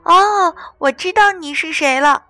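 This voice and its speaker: A woman voicing a tiny mischievous male elf in a storybook reading, high, light and teasing. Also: unhurried, sharp tone, no room sound, soft background music, exaggerated voice.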